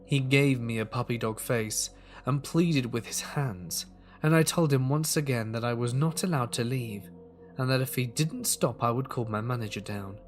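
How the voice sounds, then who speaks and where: Man calmly narrating a horror story. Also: medium pitch, normal speed, soft background music.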